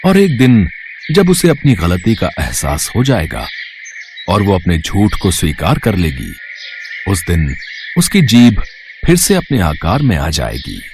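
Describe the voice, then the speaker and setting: A man's voice: low voice, wildly swooping pitch, background noise, full character voice. A man playing a solemn old holy man. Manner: slow, solemn pronouncements. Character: wise old male holy man, calm and grave. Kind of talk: cartoon voice acting.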